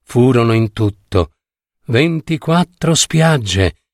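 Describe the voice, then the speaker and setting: A man reading a folk tale aloud in a slow, expressive storytelling manner. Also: medium pitch, dry recording, clean studio sound.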